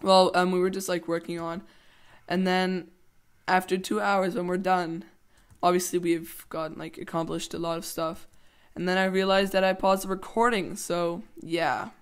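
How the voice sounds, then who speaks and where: A teenage boy hosting a let's play rambles playfully through casual gameplay commentary, cracking goofy jokes. His high, smooth voice shows little pitch movement and moves at a normal speed.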